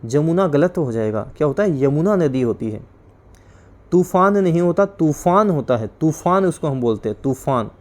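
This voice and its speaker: A male teacher from India with a fairly high voice runs an exam-prep class. He explains each rule, repeats it, and keeps asking his students questions. His voice drops low and quiet whenever he gives the corrected word. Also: animated, normal speed, hardly any pauses.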